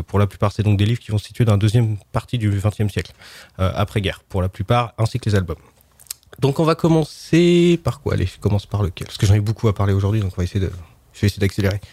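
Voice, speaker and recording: A man's voice: on the low side, dark tone, no room sound. A man presenting book picks on a casual book show, chatty and hesitant with many fillers.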